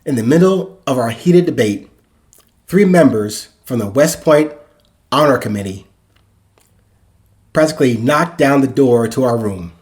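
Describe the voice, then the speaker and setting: A man's voice: medium pitch, animated, measured pace, long pauses, a little mellow. A man in his sixties hosting a podcast, telling a reflective first-person story and acting out the dialogue. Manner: reflective, acts out dialogue in quotes. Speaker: podcast host.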